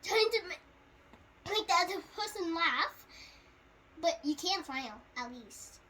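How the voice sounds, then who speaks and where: A young girl filming a playful challenge video, giggly and excitable. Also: very high voice, slow, a little hiss or hum. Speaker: vlogger.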